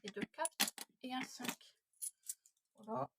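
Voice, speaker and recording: A woman's voice: sits high, slow, vocal fry, very noisy. A woman in her thirties, a budgeting vlogger, thinking aloud and muttering to herself at home while she works through savings challenges. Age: 30s. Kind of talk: casual self-talk while doing savings challenges.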